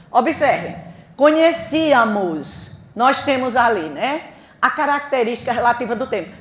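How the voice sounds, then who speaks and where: Fast-talking Brazilian woman teaching grammar. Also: on the high side. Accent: Brazilian Portuguese. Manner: fast-talking, quizzes the class with questions and answers. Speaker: grammar teacher for exam prep. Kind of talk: classroom grammar lesson.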